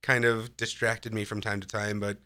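A man's voice: fairly low pitch, little pitch movement, normal speed, bright, forceful tone, clear, resonant tone. A man co-hosting a podcast, chatting in a laid-back, hesitant way with lots of fillers. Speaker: podcast co-host. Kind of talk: casual movie commentary chat.

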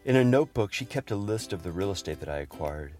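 Deep-voiced man telling family stories. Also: expressive, fast, soft background music. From Houston, Texas area. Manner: fond, gently humorous storytelling. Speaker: narrator. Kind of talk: personal memoir narration.

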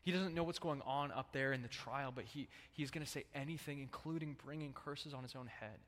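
A man's voice: mid-range voice, a little fast. Conversational preaching man in a reverberant hall. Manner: casual, conversational preaching with lively acted-out quotes. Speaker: pastor. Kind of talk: sermon.

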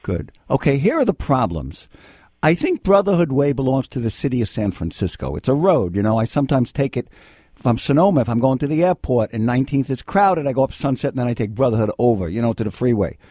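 A man's voice: medium pitch, sing-song, fast talker, mellow, breathy edge, no echo, clean studio sound. A middle-aged American man hosting live legal advice radio, talking bluntly and repeating himself in an exasperated, scolding way. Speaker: radio host and lawyer giving call-in legal advice. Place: radio studio.

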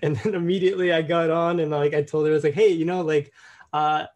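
A man's voice: a little high, fairly even intonation, fast, darkish tone. A young man casually and reflectively sharing a personal story, often saying "you know".

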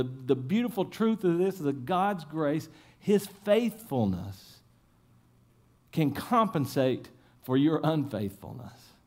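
A man preaching an Easter sermon. His voice sits a little high for a man. He retells scripture scenes the way you'd tell a friend a story, casual and lively, and keeps asking the congregation whether they're following. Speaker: pastor.

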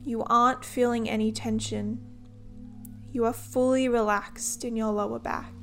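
A woman guides a body-scan meditation in a gentle, soothing way. Her voice sits a little high and moves at a very slow pace, in short instructing phrases. Soft music plays behind her. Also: level tone.

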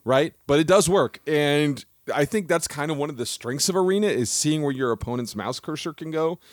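A man co-hosting a podcast in casual chat, animated and quick to laugh at himself. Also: on the high side, dry recording, studio quality. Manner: animated, laughs often, self-deprecating. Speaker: podcast co-host.

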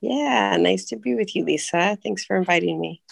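A woman in her thirties from California, telling her story as a podcast guest in a relaxed, chatty way. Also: mid-range voice, moderate pace, gravelly, no echo. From California, USA. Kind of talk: personal storytelling interview.

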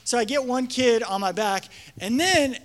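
A young man, a pastor, giving a casual storytelling sermon in an animated way, full of filler words. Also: very high voice, normal speed. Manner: animated, frequent fillers, acts out quotes.

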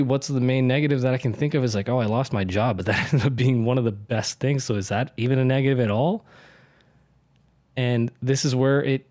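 A man's voice: medium pitch, darkish tone, no room sound. Man in his late twenties, reflective rambling vlog, earnest, laughs a lot, dry close sound. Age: 20s. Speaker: vlogger. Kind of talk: reflective casual monologue. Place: home in a city.

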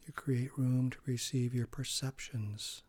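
Slow, calm man guiding meditation. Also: medium pitch, dry recording. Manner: slow, calm, with soft breathy trailing phrases. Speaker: meditation guide. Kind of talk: guided meditation.

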